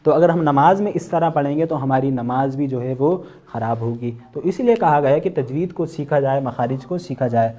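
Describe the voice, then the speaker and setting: A man with a Pakistani Urdu accent teaching an online Quran recitation class, patiently explaining and slowly sounding out letters as examples. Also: medium pitch, mellow, lo-fi sound. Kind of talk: online tajweed lesson.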